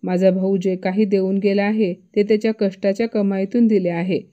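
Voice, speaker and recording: A woman's voice: medium pitch, steady tone, moderate pace, warm tone, dull audio, lightly acted. A woman doing an indignant young daughter-in-law. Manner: indignant, pleading.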